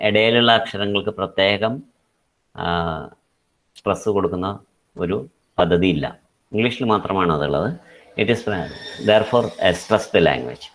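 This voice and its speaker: A man with a Malayali English accent giving an online lecture, explaining slowly with many fillers and switching into Malayalam. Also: lowish voice, fairly bright tone, slight background noise. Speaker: English teacher.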